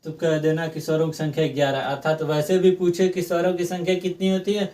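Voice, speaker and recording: A young male teacher with a fairly high voice, picked up from a little way off the mic. He drills exam-prep grammar, keeps circling back to the same points, and stretches sounds out slowly when he demonstrates them. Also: little pitch movement, a little mellow, far from the mic. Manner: repetitive, asks and answers own questions.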